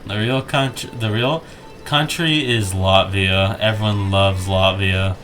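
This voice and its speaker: A man's voice: on the low side, steady tone, measured pace, a bit bright, soft background music. A young man chatting casually while ranking game tracks, rambling with lots of restarts and jokey asides. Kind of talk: casual gaming chat.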